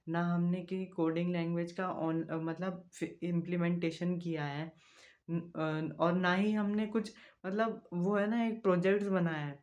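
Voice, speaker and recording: A young man, talking casually to the camera in a vlog. He is soft-spoken and rambling, with frequent fillers. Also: high voice. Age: young adult. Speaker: vlogger.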